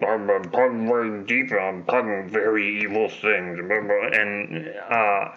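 A man's voice: medium pitch, pushed and bright, dull audio. A man co-hosting a podcast in casual chat, rambling and joking with lots of restarts. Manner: rambling, many restarts, jokey. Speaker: podcast co-host.

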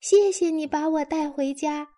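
A woman reading a storybook, voicing a small lost teddy bear that cries for help in a high pleading voice. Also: measured pace, mellow.

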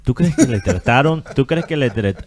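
A man's voice: mid-range voice, expressive, moderate pace, a little mellow, slight background noise. Man, Colombian Caribbean coast accent, podcast co-host, casual opinion chat, argumentative, rhetorical.

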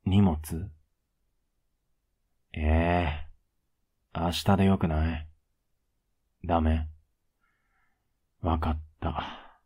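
A man playing a teasing, affectionate young boyfriend in a soft ASMR role-play, with a low, husky voice. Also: fairly even intonation, very slow, long pauses, dull audio, full character voice. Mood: tired, casual. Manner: laid-back, gently teasing, intimate.

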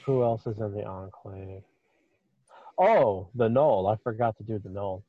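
A man improvising narration as a tabletop game master, haltingly, often repeating phrases. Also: lowish voice, animated, dry recording, phone-quality sound.

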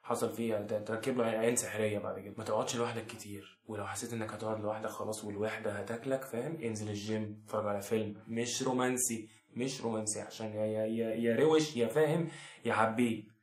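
A man's voice: fairly low pitch, little pitch movement, racing, a little mellow. A young man with an Egyptian accent delivering a sarcastic, mock-serious comic advice monologue to the camera. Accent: Egyptian Arabic. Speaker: comedy vlogger. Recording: echoey room.

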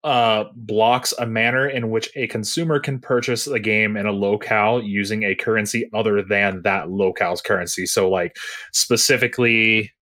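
A man's voice: on the low side, fairly even intonation, normal speed, pushed and bright, no room sound. A man co-hosting a casual gaming news chat, explaining stories with lots of ums and restarts. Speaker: podcast co-host.

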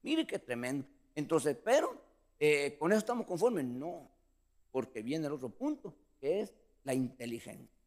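Man, pastor, sermon, animated delivery, higher voice. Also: normal speed. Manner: preaching with lively pitch swings, addressing listeners as brother.

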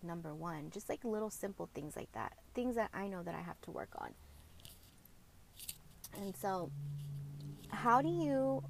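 Her creaky, mid-range voice comes through a bit of hiss or hum as she speaks candidly on her podcast about co-parenting. Of Mexican heritage and raised with Spanish at home, she often pauses, uses fillers, and corrects herself as she reflects.

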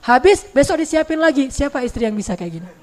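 A woman preacher retelling stories in a lively, conversational sermon, with frequent restarts. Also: high voice, quick pace. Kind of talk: sermon storytelling.

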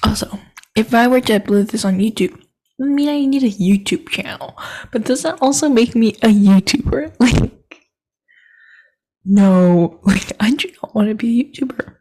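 A woman's voice: fairly high pitch, normal speed, mellow. A young woman hosting her own podcast, chatting in a scattered, self-deprecating, giggly way into a microphone. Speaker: podcast host. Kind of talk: rambling solo podcast chat.

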